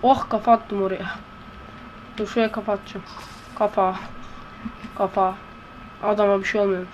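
A woman giving let's-play commentary in a hushed voice, blurting excitable reactions and slang while playing. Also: medium pitch, moderate pace, dull audio, a little hiss or hum. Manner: talking in a hushed voice. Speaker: gameplay commentator. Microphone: close to a desk microphone.

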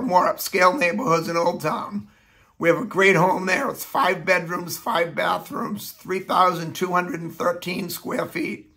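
An older man, hoarse and slightly nasal as he gets over the flu, presenting a market update as a real estate agent. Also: high voice, sharp tone. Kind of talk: informal scripted-style video presentation. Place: small furnished living room, indoors.

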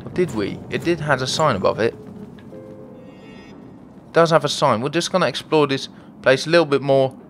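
A man's voice: mid-range voice, moderate pace, long pauses, a bit bright, faint music behind. Chatty man narrating his gameplay. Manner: chatty, self-deprecating, thinking aloud. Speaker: gaming video host. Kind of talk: let's play commentary.

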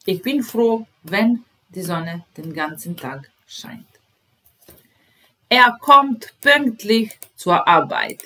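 Poor audio captures a woman in her thirties teaching German over a webcam from a small room. Her medium-pitched, fairly bright voice works slowly through the lesson, patiently repeating each phrase word by word.

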